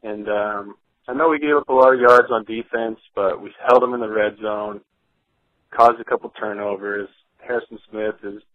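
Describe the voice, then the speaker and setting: Guy calling in over the phone, low voice, laid back, lots of ums, thin dry line. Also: no echo, phone-quality sound. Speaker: caller. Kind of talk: casual call-in message.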